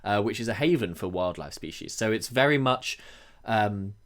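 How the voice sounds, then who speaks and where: A man co-hosting a wildlife podcast, explaining things thoughtfully with frequent pauses and restarts. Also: lowish voice, animated. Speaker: podcast co-host. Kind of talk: conversational podcast discussion.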